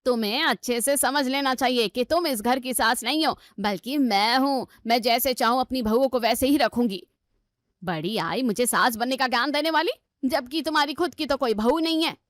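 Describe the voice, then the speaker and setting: A woman's voice: high voice, moderate pace, dry recording, studio quality, natural voice. Woman voicing a harsh domineering mother-in-law. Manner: scolding, domineering. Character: proud harsh middle-aged mother-in-law. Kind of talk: storybook cartoon voice.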